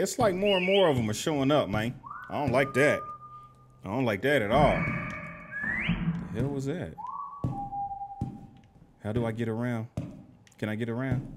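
A man's voice: medium pitch, background noise. A young man commentating a horror game, playfully trash-talking the enemies. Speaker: gaming commentator.

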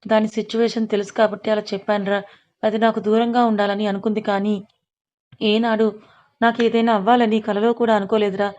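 A woman's voice: medium pitch, level tone, a little fast, darkish tone, muffled recording, close to an everyday voice. A woman reading the lines of a remorseful young army major confiding in a friend. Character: young army major, guilt-ridden and grieving.

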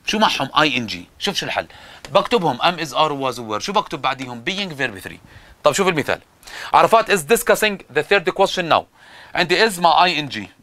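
A man's voice: on the high side, sing-song, fast, sharp tone. A man with a Jordanian Arabic accent explaining English grammar rules, asking and then answering his own questions and repeating each step. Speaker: English teacher.

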